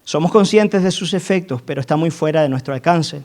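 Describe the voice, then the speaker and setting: A male pastor preaches a fervent sermon in a fairly high, darkish voice at a slightly fast pace. He climbs to emphatic peaks, seeks his congregation's agreement, and frequently restarts and repeats himself.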